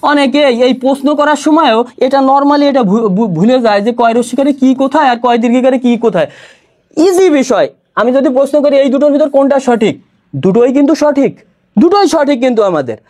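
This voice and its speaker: A man in his thirties, a Bangla teacher, giving a promotional talk to students in a lively, jokey way and acting out his examples. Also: extremely high pitch, brisk.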